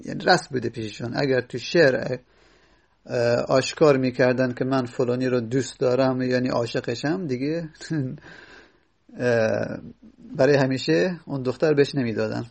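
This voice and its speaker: A man's voice: medium pitch, fairly even intonation, gravelly. A man giving a patient grammar lesson, repeating phrases and quoting Arabic verse as he explains them. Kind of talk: classroom lecture explaining grammar.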